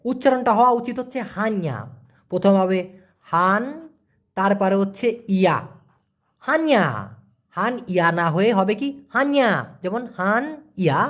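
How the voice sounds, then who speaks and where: A man teaching vocabulary, explaining patiently and repeating words slowly syllable by syllable. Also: high-pitched. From Bangladesh. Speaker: language teacher. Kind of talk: vocabulary lesson.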